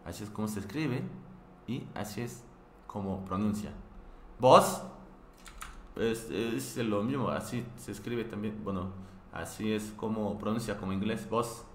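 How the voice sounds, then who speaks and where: A man's voice: on the low side, darkish tone. A man from Korea, teaching a live online language class, patiently repeating words with frequent restarts and fillers. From South Korea. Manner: patient, repeats each word slowly several times. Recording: echoey room with faint background noise.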